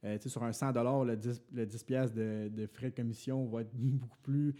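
A man's voice: medium pitch, steady tone, moderate pace, dark tone. A young man with a Quebec French accent, a podcast co-host, explaining investing in casual talk with many fillers and restarts.

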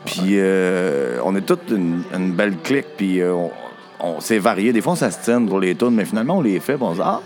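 A man with a Quebec French accent and a gravelly, husky voice, chatting casually as a guest and telling joking anecdotes. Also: deep voice, lively intonation, brisk, few pauses, a little mellow, soft background music. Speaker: guest, singer in a band. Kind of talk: casual chat.

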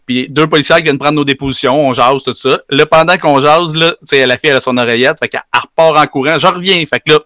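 A man with a Quebec French accent telling a story in casual chat, animated and slangy with lots of fillers. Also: fairly high pitch, fast talker, few pauses, no echo, studio quality. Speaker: podcast co-host telling a story.

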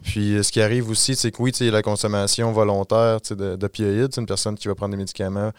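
A man's voice: lowish voice, little pitch movement, smooth, no echo, clean studio sound. A man with a Quebec French accent, a street outreach worker, talking informally in a podcast discussion. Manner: fast, informal, peppers with "you know".

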